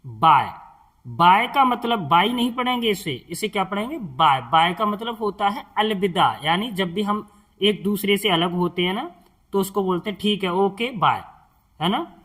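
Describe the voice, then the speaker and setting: A man's voice: high-pitched, animated, moderate pace, fairly bright tone. A man teaching beginners, spelling out words letter by letter and patiently asking the listener questions. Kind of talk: spoken English lesson for beginners.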